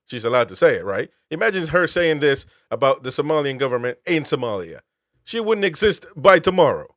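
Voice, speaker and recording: A man's voice: fairly high pitch, very animated, fairly quick, a bit bright, no echo, clean studio sound. A man from Peru, host and military veteran, giving political commentary with emphatic, incredulous rhetorical questions.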